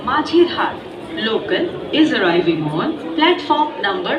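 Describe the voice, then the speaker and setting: Slow woman announcer over station loudspeakers. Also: on the high side, big pitch swings. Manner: slow, drawn-out, measured announcing. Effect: heard over station loudspeakers. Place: railway station platform. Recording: echoey, distant, dull, loud train noise.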